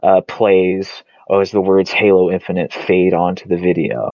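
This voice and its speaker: A man's voice: deep voice, level tone, measured pace, darkish tone, no echo. A man chatting casually about video games over a video call, rambling with lots of filler words. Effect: heard over a video call. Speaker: podcast co-host. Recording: dull, lo-fi call audio.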